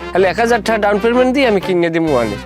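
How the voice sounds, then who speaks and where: An actor playing a comic village suitor who speaks in mock-formal, boastful phrases, with a rural Bangladeshi Bengali accent. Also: male voice, sits high, very animated, rapid-fire, over music.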